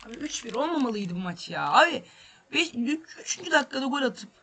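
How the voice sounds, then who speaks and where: A man's voice: very high-pitched, sing-song, brisk, pushed and bright, a little hiss or hum. A man hosting a gaming channel, commenting on his football game as he plays, frustrated, swearing and repeating himself. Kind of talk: let's play commentary.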